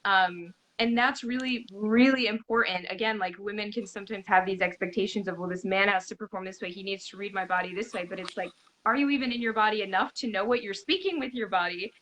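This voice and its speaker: A woman's voice: medium pitch, fast talker, poor audio. A woman bodyworker, a guest in a conversational interview, speaking earnestly and with emphasis. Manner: earnest, emphatic, animated when retelling.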